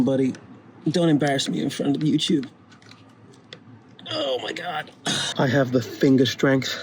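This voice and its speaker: A man's voice: medium pitch, darkish tone, a little hiss or hum. A man filming himself repairing his car, talking casually and joking at his own expense, swearing often. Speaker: DIY car vlogger. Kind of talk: casual self-filmed repair commentary. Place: working on a car, on the floor.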